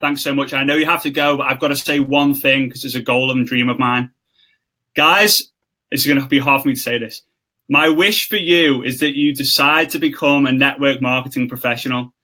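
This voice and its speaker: A young man hosting a live stream, excitable and salesy, joking with his guest and pitching offers to viewers. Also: brisk. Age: young adult. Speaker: host. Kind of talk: casual live-stream chat.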